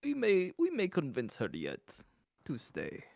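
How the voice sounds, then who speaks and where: A tabletop role-player speaking as a villain, slow and menacing, with a lively, swooping pitch that sinks low at the ends of lines. The sound is close and dry, like a desk mic in a small room. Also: vocal fry, no echo. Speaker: player voicing Gold Cocaine.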